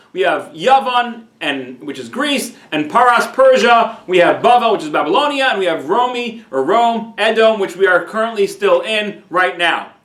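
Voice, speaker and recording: In an echoey room, a rabbi with a high, fairly bright voice teaches his weekly Torah class. He tells a story, often restarting and repeating words.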